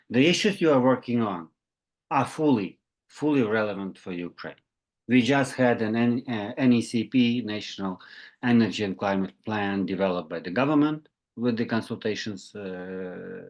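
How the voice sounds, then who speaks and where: A man in his forties moderating a webinar from a room with bookshelves, speaking haltingly with many fillers into his laptop webcam. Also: fairly low pitch. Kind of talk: moderating questions. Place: home room with bookshelves, indoors. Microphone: laptop webcam on a video call.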